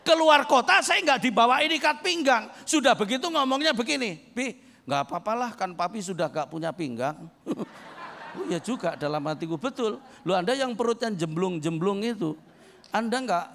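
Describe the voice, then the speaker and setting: An older man from East Java, a pastor giving a humorous sermon, telling stories and swinging from low asides to loud shouted points. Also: animated, normal speed, creaky. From East Java, Indonesia. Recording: long hall reverb.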